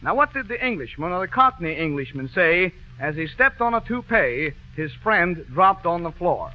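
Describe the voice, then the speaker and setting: A man hosting an old-time radio quiz show, joking and bantering with his band in a brisk patter. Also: high voice, big pitch swings. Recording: dull lo-fi old radio broadcast.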